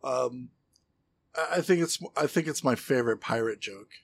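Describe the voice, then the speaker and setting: A husky, slightly rough-voiced man co-hosts a comedy podcast in a loose, chatty way. He stretches his jokes out, stalling on fillers and restarting his sentences as he goes. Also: medium pitch, moderate pace. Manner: rambling joke-telling with many fillers and restarts. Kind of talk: casual comedy podcast chat.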